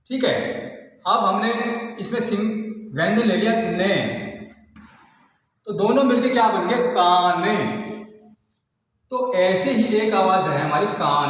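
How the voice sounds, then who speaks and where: A man's voice: high voice, fairly bright tone. A man giving a patient classroom lesson and explaining step by step with repeated examples. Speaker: teacher. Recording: echoey hall, voice from far off.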